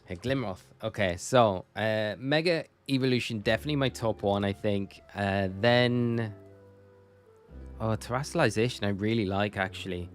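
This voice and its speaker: A man's voice: on the low side, moderate pace, soft background music. A young man from Northumberland, chatting casually and rambling with viewers on a live stream. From Northumberland, England. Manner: chatty, rambling, self-correcting.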